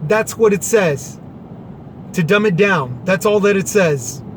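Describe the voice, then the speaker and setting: Sarcastic high-voiced man commenting. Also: expressive, measured pace, slight background noise. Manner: sarcastic, paraphrases in plain terms. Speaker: commentary vlogger. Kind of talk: reading and commenting on a government order.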